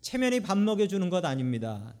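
Pastor, male, high-ish voice; dramatic sermon delivery with rhetorical questions and call-and-repeat prayers. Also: sing-song, a little fast, darkish tone. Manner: dramatic, voice swelling on points and dropping low on quoted verses. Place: church, Friday prayer meeting.

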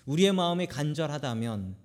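Pastor, male, high-ish voice; dramatic sermon delivery with rhetorical questions and call-and-repeat prayers. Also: animated, fairly quick. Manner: dramatic, voice swelling on points and dropping low on quoted verses. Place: church, Friday prayer meeting.

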